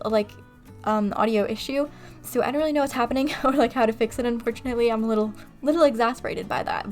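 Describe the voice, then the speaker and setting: Casual voice-over creator: a woman from California, rambly and self-mocking, pitched a little high, faint music underneath. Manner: rambling, chatty, quick to laugh at herself. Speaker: video creator. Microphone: desktop mic on computer recording software.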